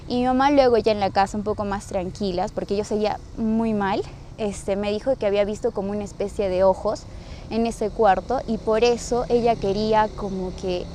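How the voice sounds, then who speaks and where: A young woman telling a personal story in a casual, hesitant way, with many fillers. Her voice is fairly high and mellow. A faint hiss of noise sits behind her. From Peru. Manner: hesitant, many fillers, acts out quoted dialogue. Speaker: storyteller sharing a personal paranormal experience.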